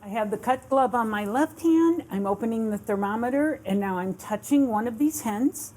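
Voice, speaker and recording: A woman's voice: on the high side, lively intonation, moderate pace, a little mellow. A woman giving a spoken how-to demonstration in a kitchen, explaining each action step by step in an instructive way. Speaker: instructor demonstrating a kitchen aid for people with sight loss. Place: home kitchen.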